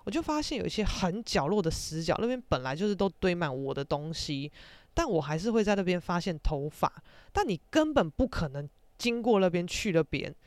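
A woman's voice: on the low side, very animated, fairly quick, no room sound. A young woman with a Taiwanese Mandarin accent, hosting a podcast and ranting animatedly in casual storytelling, with some casual swearing. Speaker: podcast host.

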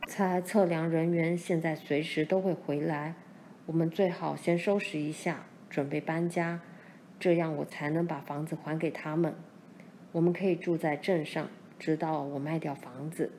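A woman voicing a steady middle-aged pioneer father, speaking low and measured as he recounts events. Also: a little hiss or hum. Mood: calm.

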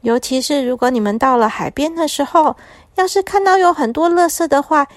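A woman's voice: sits high, brisk, dry recording, clean studio sound, voice pushed up, lightly acted. A woman doing a kindly, caring lady sea turtle. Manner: gently instructive.

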